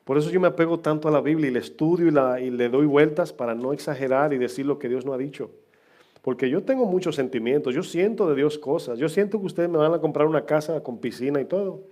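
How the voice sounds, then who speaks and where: A man's voice: on the high side, fast talker, mellow. A middle-aged man preaching as pastor, chatting with his congregation with humor and questions. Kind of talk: sermon. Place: church.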